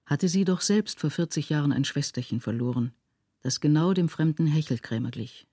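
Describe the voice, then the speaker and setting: Woman narrating with a husky, dark voice. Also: sits low, lively intonation, dry recording, studio quality. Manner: measured, earnest storytelling. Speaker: reader of a literary audiobook. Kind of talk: scripted narration of a classic novella.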